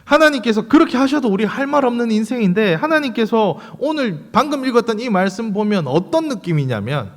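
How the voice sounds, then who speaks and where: A man, his voice sitting high and moving lively across its range. He keeps the congregation engaged with rhetorical questions and light humor. A long church reverb trails each phrase. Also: brisk, few pauses. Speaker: pastor. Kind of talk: sermon. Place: church sanctuary.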